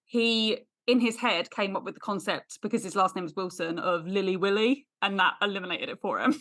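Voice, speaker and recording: A woman's voice: mid-range voice, brisk, a bit bright. A woman co-hosting a podcast, chatting casually, playful and laughing often. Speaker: podcast co-host. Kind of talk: casual chat.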